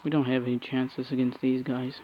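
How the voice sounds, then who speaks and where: A man's voice: mid-range voice, little pitch movement, normal speed, highs cut off, faint music behind. A man giving frustrated, cursing commentary while opening packs and playing a mobile game. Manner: frustrated ranting with frequent cursing and restarts. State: angry. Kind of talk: angry gameplay commentary.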